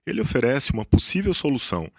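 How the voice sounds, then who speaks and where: A Brazilian man with a mid-pitched voice co-hosts a podcast. His delivery is formal and precise, like a prepared script. The recording is close and dry. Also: sing-song, fast talker, dry recording. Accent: Brazilian Portuguese. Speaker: psychiatry podcast co-host.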